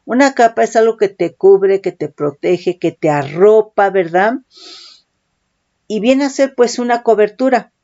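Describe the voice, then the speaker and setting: A woman's voice: mid-range voice, unhurried, warm tone. A woman preaching a sermon, often calling listeners "brother" and checking in with "right?". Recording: dull lo-fi recording.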